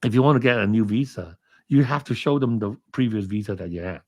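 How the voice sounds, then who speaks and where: A man's voice: lowish voice, fast talker, dry recording. A man from Hong Kong, a guest in an interview, telling a story casually with lots of fillers and restarts. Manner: rambling with many fillers and restarts. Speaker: interview guest, film commentator.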